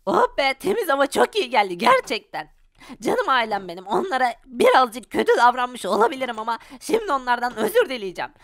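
A woman's voice: high-pitched, big pitch swings, brisk, a bit bright, no echo, studio quality, full character voice. A woman voicing a confused, moody poor father in a Minecraft parody, fretting aloud to himself. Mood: fretful. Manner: fretful, talking to himself.

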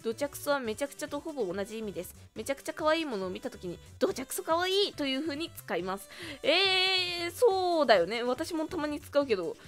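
A woman's voice: high voice, sing-song, fast talker, hardly any pauses, a bit bright, soft background music. A young woman giving casual let's-play commentary on a word quiz game, reading each question aloud and chatting about her answers.

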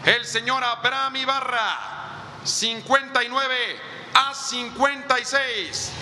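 A male ring announcer with a piercingly bright, very high voice declaims in theatrical lucha libre style. His phrasing is formal and deliberate, with names stretched out. It rings through a long PA reverb. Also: fairly even intonation. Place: boxing ring in a TV studio. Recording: reverberant arena PA with noisy background.

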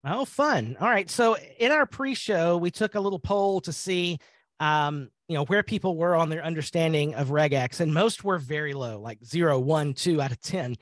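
High-voiced upbeat man hosting a webinar. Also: normal speed, dry recording. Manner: upbeat, conversational, many fillers. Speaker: host of a live training webinar.

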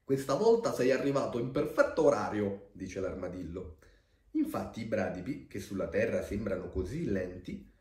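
Guy reading a kids' picture book out loud, voice swinging all over the place, gentle and expressive, kinda echoey room. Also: medium pitch. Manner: expressive, gentle storytelling with pauses for a child. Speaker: storybook reader.

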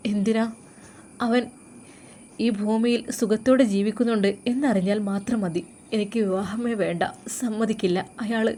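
A heartbroken young woman, as a woman narrator plays her, devout and self-sacrificing. She speaks in an earnest, tearful way in a mellow, soft voice. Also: mid-range voice, a little hiss or hum, lightly acted. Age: young adult. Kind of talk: storytelling role voice.

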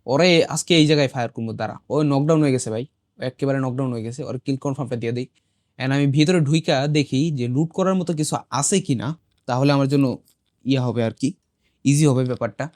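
Guy gaming, voice gone hoarse from a cold, chatty play-by-play, dead dry mic. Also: medium pitch, a little fast, a little mellow, no room sound. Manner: chatty, talks to viewers as he plays, mixing in English exclamations. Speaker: gaming channel host. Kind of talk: casual gameplay commentary.

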